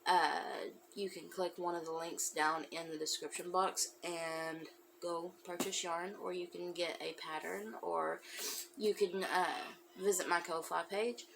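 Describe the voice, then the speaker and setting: A woman's voice: on the low side, little pitch movement, measured pace, vocal fry, noisy background. A woman hosting a crafting podcast, chatting casually with lots of fillers, and sounding a bit congested. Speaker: podcast host. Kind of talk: casual chat.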